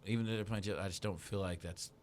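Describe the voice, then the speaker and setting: A man's voice: sits low, rapid-fire, slight background noise. A man co-hosting a soccer radio show, arguing his picks in loose, slangy casual chat full of restarts. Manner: animated, slangy, talks in restarts.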